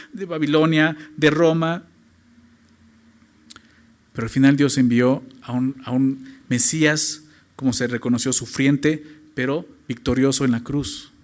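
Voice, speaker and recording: Emphatic pastor preaching. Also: male voice. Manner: emphatic, with rhetorical questions to the congregation; swings from loud high emphasis to low quiet phrases. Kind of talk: sermon.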